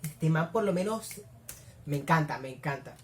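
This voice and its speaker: Young colombian woman reacting at home, super animated, squeals and gushes. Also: sits low, normal speed, a little hiss or hum. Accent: Colombian Spanish. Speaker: reaction video host. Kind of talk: casual reaction commentary. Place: home room.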